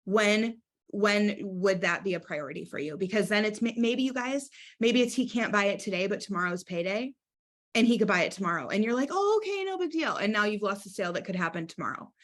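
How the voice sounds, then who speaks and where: A woman's voice: mid-range voice, a little fast, a bit bright. A young woman giving a sales training talk, upbeat and chatty, acting out sample scripts as she goes.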